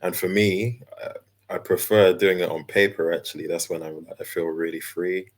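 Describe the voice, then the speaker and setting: A man, chatting easily as an interview guest, relaxed and full of fillers and small laughs. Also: deep voice, normal speed. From London, England. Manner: laid-back, easygoing, with many fillers and laughs. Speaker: guest, character designer and illustrator. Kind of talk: casual interview chat.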